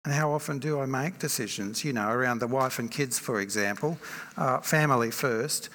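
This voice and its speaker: A man preaching a sermon in a church, measured and reflective, often asking rhetorical questions. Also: mid-range voice, a bit bright. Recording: long reverb from a large hall.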